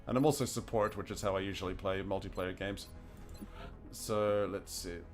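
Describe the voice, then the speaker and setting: A gaming streamer with a New Zealand accent thinks aloud and chuckles often as he plays a video game. His deep voice has fairly even intonation and a normal speed. Faint music plays behind his casual commentary.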